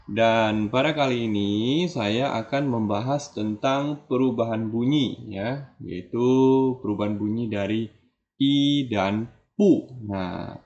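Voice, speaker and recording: A man's voice: on the low side, a little mellow. A man teaching Mandarin tones in a video lesson, stretching out his example syllables. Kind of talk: online language lesson. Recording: dull lo-fi audio.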